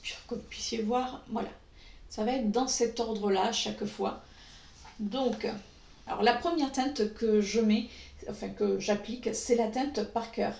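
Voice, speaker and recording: A French-speaking woman doing a makeup tutorial, talking slowly with many pauses and fillers. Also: a little high, vocal fry, darkish tone. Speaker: beauty vlogger. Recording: echoey room.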